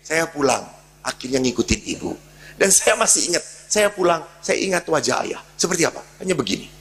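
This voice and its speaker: Gravelly priest telling a story. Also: male voice, on the high side, big pitch swings, brisk, a bit bright, rough recording. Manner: storytelling with humor, chuckling often. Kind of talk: sermon.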